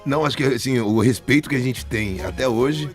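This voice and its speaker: A man's voice: mid-range voice, a little fast, faint music behind. Chatty São man telling stories. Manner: chatty, animated anecdotes with many restarts. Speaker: band vocalist, guest. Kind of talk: casual storytelling interview.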